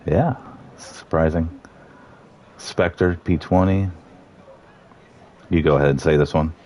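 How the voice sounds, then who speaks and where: A man commentating live on a sim race, reading out the starting grid in a relaxed, joking way. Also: extremely low pitch, takes it slowly.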